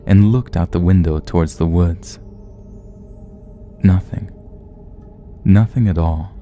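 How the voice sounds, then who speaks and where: A man narrating a horror story in a slow, measured, somber way. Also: deep voice, warm tone. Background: faint music.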